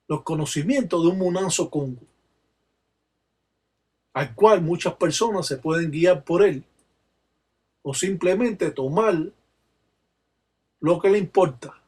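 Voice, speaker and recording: Slow husky Cuban man. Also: high-pitched, a little mellow. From Cuba. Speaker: Palo Mayombe religious teacher. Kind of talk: slow explanatory talk.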